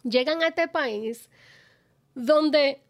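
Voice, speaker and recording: A woman with a Dominican accent speaks in a high-pitched voice. She is interviewing in a conversational way, pressing her questions and rewording them as she goes. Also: very slow. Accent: Dominican Spanish. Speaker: interviewer and co-host.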